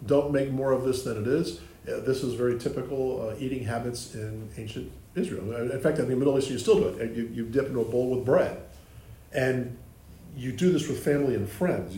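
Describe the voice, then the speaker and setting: A man's voice: medium pitch, brisk, warm tone. A man leading a group Bible study, explaining the text with restarts and questions to the group. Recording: echoey room with faint ambience.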